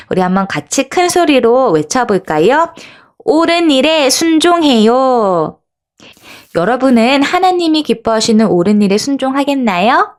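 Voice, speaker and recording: A woman teaching preschoolers at Bible school in a coaxing, sing-song way. She asks the children questions and slows down so they can repeat phrases after her. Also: a little high. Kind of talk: demonstration lesson for preschoolers.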